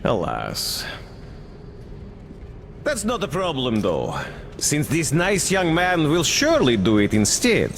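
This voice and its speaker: An actor playing a smug, mocking cannibal leader who talks like a polite official, in a video game. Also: male voice, fairly high pitch, wildly swooping pitch, takes it slowly, long pauses, big-room sound, a little hiss or hum, exaggerated voice. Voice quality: mocking, smooth and theatrical.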